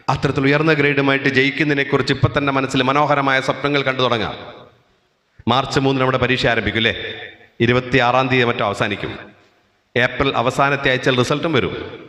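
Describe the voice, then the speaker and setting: A man's voice: medium pitch, sharp tone. A man with a Malayali accent giving a rousing motivational talk to students in a large hall, often asking the crowd questions. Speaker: motivational speaker. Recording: echoey hall with long reverb.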